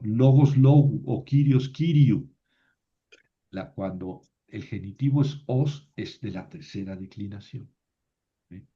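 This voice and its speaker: A man's voice: mid-range voice, highs cut off. A man teaching a Biblical Greek class online, explaining patiently step by step and often checking with "¿verdad?".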